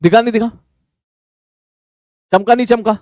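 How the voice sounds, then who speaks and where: A man's voice: very high voice, fairly even intonation, normal speed, a little mellow, no room sound, clean studio sound. A man teaching maths in an online lecture, talking casually and answering his own questions. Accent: Hindi.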